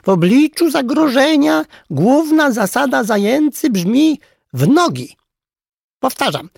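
A man's voice: sing-song, takes it slowly, gravelly, slightly rough, no echo, clean studio sound, heavily acted. A man voicing a timid, fussy male hare who teaches young hares in a children's storybook. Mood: alarmed shouting. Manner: high-pitched, shrill when alarmed.

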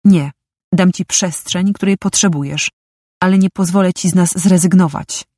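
Woman voicing a calm, persistent young man. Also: lowish voice, normal speed, dry recording, clean studio sound, natural voice. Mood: earnest. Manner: calm and sure. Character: young man, steady, tender, persistent lover.

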